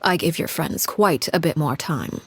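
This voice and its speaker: A woman voicing a cold, imposing female head of household called Father in a video game, speaking in a measured, formal, menacing way. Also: sits low, expressive. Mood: stern, controlled. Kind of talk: scripted video game acting. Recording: clear background noise with clicks.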